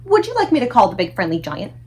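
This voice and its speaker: A woman reading a storybook voices a polite, timid little girl who speaks softly and earnestly. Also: a little high, huge pitch swings, fast talker. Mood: calm, polite. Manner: soft, murmuring, earnest.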